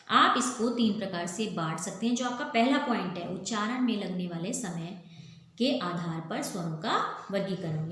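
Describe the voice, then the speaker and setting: Woman teaching Hindi grammar, echoey room. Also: on the high side. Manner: explains patiently, repeats points, asks and answers her own questions; draws out vowel sounds as spoken examples. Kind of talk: recorded classroom lesson. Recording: very echoey room with faint noise.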